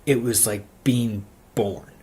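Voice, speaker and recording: A man with a lowish voice recounts his conversion testimony at a very slow, deliberate pace. He speaks earnestly and haltingly, circling back on phrases and leaning on "like" as he searches for words. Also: steady tone, darkish tone. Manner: earnest, halting, with frequent "like" fillers and repeated phrases. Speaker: speaker giving a religious testimony.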